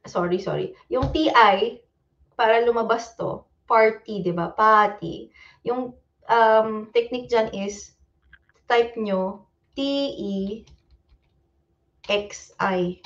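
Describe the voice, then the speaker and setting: A Filipino-accented woman leads a relaxed livestream lesson at an unhurried, deliberate pace, her voice sitting a little high. She drops in easy fillers and laughs now and then. The stream audio is dull and lo-fi. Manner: casual, repeats fillers like ayan and okay, laughs often; mixes Tagalog and English. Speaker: Japanese language teacher. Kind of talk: livestreamed exam review lesson.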